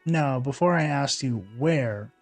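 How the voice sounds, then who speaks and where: A man's voice: mid-range voice, a little slow, faint music behind. A man livestreaming a game, casually reading his choices aloud and chuckling along. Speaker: streamer.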